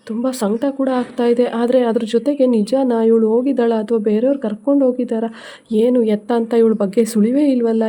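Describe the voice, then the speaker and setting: A woman's voice: on the high side, mellow, natural voice. A woman voicing a grieving middle-aged mother who laments and scolds in a bitter, despairing way.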